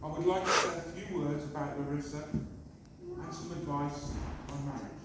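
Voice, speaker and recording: High-voiced father giving a very echoey wedding speech. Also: moderate pace. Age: middle-aged. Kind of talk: wedding speech and toast, read out in short phrases. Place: large reception hall. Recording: very echoey noisy hall, far from mic.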